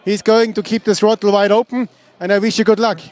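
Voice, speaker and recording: A man's voice: high-pitched, fairly even intonation, brisk. A man interviewing a rider outdoors at a race finish, asking patient, coaxing questions. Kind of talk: on-site interview.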